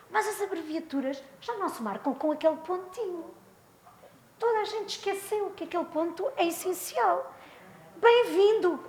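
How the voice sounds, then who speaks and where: A woman with a European Portuguese accent giving a talk on spelling, lively and full of rhetorical questions. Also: extremely high pitch, roomy sound. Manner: animated, asks rhetorical questions. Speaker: lecturer.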